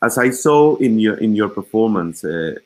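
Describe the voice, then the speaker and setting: A man hosting an online performance event, halting and repeating words as he talks. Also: lowish voice, expressive, darkish tone, rough recording. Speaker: host. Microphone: video call.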